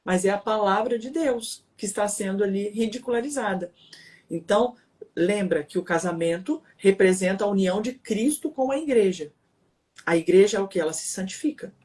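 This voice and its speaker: This co-host is an adult married Brazilian woman whose medium-pitched voice has a darkish tone and moves at normal speed. She sounds emphatic and preachy, with a Brazilian Portuguese accent and a habit of rhetorical questions.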